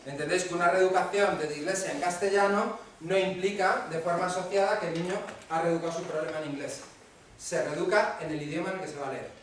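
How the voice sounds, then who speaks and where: A man's voice: sits high, steady tone, fast. A man with a Spanish accent from Spain, giving a casual lecture to parents and often checking in with his audience. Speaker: speaker at a talk for parents. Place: hall at a parents' association talk. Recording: very echoey room, mic far off, faint noise.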